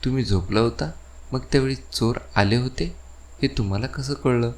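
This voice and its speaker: A man's voice: medium pitch, normal speed, darkish tone, voice pushed up, lightly acted. A man reading the part of a young, confident CID inspector who questions people sharply. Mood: stern questioning.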